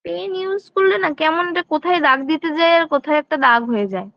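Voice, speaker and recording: High-voiced woman teaching a class. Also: lively intonation, quick pace, gravelly, no room sound, dull audio. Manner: explains step by step, asks and answers her own questions; frequent check-ins to students. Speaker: nursing exam tutor. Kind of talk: online lecture.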